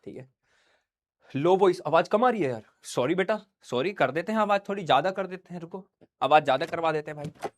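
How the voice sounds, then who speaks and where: A man's voice: on the high side, animated, brisk. A young man teaching a science class online, playful and joking, acting out little scenes for his students while feeling unwell.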